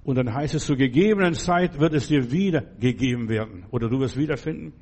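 A man's voice: mid-range voice, fast, darkish tone, breathy edge. A man preaching a sermon in a fervent, exhorting way, speaking directly to the listener.

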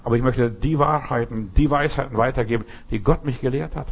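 A man's voice: mid-range voice, brisk, vocal fry, slightly rough. An older man preaching a sermon in an emphatic, conversational way, often checking whether listeners understand. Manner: emphatic, conversational, asks "verstehst?".

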